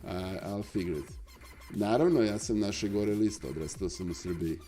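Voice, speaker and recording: A man's voice: fairly low pitch, normal speed, mellow, slight background noise. A middle-aged man with a Serbian accent gives chatty live-stream commentary on chess games, full of fillers and asides to viewers.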